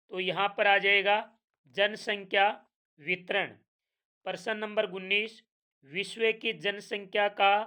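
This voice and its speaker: Woman, Hindi accent, teacher, revision lesson, slow, bright, repeats answers. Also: medium pitch.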